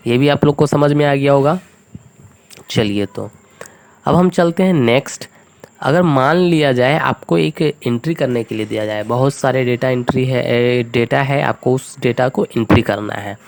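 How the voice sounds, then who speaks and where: A man talks through a screen-recorded spreadsheet tutorial. His voice sits at a middling pitch with a gravelly edge. He moves step by step and keeps checking that his listeners are following. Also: darkish tone. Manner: patient, step-by-step, frequent check-ins. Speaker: computer tutor.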